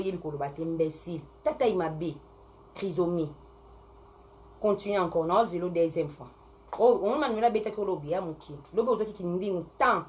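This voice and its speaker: A woman from Congo, ranting angrily on a live video. She repeats herself, drags some words out and punches others hard. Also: medium pitch. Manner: heated, repetitive, stretches some words and hammers out others. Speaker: vlogger. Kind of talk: angry live-video rant.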